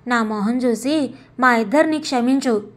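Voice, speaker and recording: A woman's voice: fairly high pitch, unhurried, close to an everyday voice. Woman voicing a pleading young husband. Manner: pleading, apologetic. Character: young married man, torn and apologetic.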